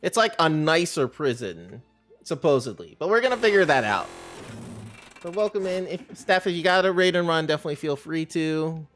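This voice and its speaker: With faint game music playing in the background, this live streamer keeps up a playful, cutesy, bubbly chat. The mid-range voice is animated and a bit bright, moving at a normal pace.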